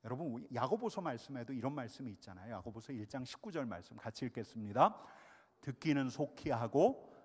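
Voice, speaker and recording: A male pastor preaching a sermon, swinging between hushed and loud. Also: medium pitch, lively intonation, fast, few pauses, breathy edge. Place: church sanctuary. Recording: long reverb of a church hall.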